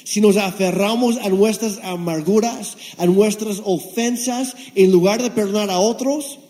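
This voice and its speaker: A man preaches from the pulpit, his voice sitting high for a man. He brings a parable to life with animated quoted voices. A long reverb trails every phrase, as in a large church hall. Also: measured pace. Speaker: pastor. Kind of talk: sermon. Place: church sanctuary.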